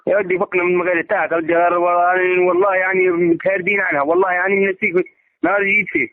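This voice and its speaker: A man's voice: high voice, level tone, very fast, no echo. An Algerian man on a phone call, exasperated and insistent, arguing combatively as he demands to be paid back. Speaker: caller demanding repayment of a debt. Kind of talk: heated argument over the phone. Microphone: telephone. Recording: tinny, band-limited phone line.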